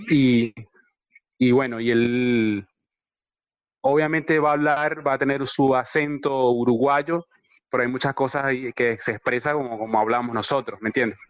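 A man's voice: medium pitch, a little slow, no room sound. A Venezuelan man in his thirties answers interview questions over a muffled, lo-fi call line. The sound is dry and close, with no room around it. He talks earnestly and hesitantly, often repeating a word before he goes on. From Venezuela, Zulia. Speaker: interview guest. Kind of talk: casual remote interview. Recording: dry, dull lo-fi call audio.

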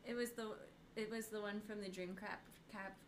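A young woman co-hosting a casual podcast chat, wry and deadpan, often laughing at her own awkwardness. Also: medium pitch, normal speed, noisy background. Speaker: podcast co-host.

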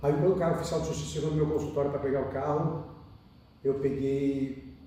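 A Brazilian man recounts his story at a rapid clip, mellow in tone, repeating phrases and acting out dialogue as he goes. He is recorded from a distance in a very echoey room. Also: on the high side, steady tone, slight background noise. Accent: Brazilian Portuguese. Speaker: podcast guest telling his life story. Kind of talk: emotional personal storytelling in conversation.

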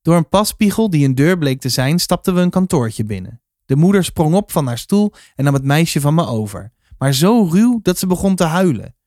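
A man reading a children's novel aloud in a calm, measured storytelling manner. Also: fairly high pitch, no room sound, clean studio sound. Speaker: reader.

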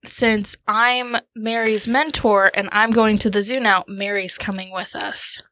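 Bright-voiced woman player. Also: medium pitch, steady tone, unhurried. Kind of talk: tabletop role-play.

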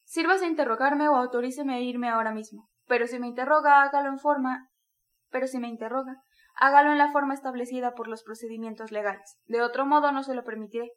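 A woman's voice: a little high, steady tone, brisk, close to an everyday voice. A woman reading the curt, angry lines of a proud young man who refuses to be questioned. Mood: irritated. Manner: curt, sharp, rising anger.

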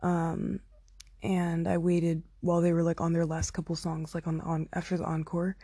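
A woman's voice: on the low side, warm tone, breathy edge, dry recording, clean studio sound. A young woman telling a long concert story into her phone, chatty and full of "like" and "oh my God", acting out what people said. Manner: chatty, lots of "like" and "oh my God", acts out quotes. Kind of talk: casual storytelling.

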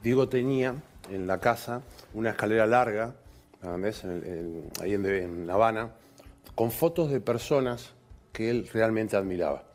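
A man's voice: fairly low pitch, moderate pace. A man with a Rioplatense accent telling a personal story in an interview, reflective and checking in with the listener. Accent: Rioplatense Spanish. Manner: reflective, keeps asking "you know?". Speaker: interview guest. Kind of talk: candid anecdote telling.

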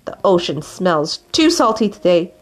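Woman doing a whiny grumpy storybook penguin, sighing complaints, swoopy pitch. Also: big pitch swings, moderate pace, faint music behind. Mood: grumbling.

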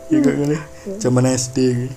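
Young man, Javanese accent, teasing co-host, mid-pitched voice, faint music underneath. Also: lively intonation, dark tone. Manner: teasing, encouraging, quick back-channel replies. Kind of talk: casual chat.

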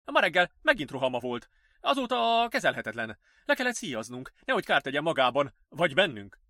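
A man's voice: on the high side, big pitch swings, pushed and bright, no room sound, studio quality, full character voice. A man voicing a bewildered, anxious hospital nurse in an audiobook. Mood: puzzled. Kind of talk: audiobook character voice.

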